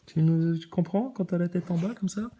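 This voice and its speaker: A man mocking video clips in a scornful reaction commentary. His voice sits slightly high but sounds mellow, with muttered asides and sudden outbursts. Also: a little fast, breathy edge.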